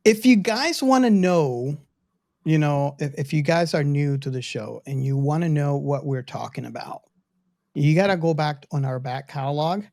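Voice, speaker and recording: A man's voice: on the high side, lively intonation, moderate pace, creaky, a little mellow. A man co-hosting a podcast, plugging episodes in laid-back casual chat. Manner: laughs a lot, promotes the show. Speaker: podcast co-host.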